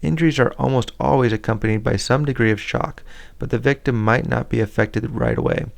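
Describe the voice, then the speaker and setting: A man reading a first-aid handbook aloud in a plain, steady way, with small slips and restarts and the odd aside. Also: mid-range voice, a little fast, creaky. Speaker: reader of a scout handbook.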